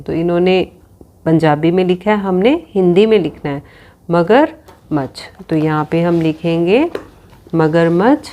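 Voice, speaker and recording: A woman's voice: on the low side, mellow. A woman teacher working through a worksheet with children, reading out options and spelling words letter by letter.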